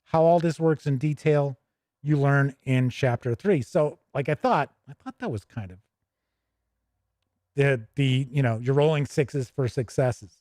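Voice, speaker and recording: Here a tabletop gaming show host keeps up loose, unscripted, rambling chatter as he pages through a book. He has a medium-pitched, slightly mellow voice at a measured pace, recorded dry with studio quality.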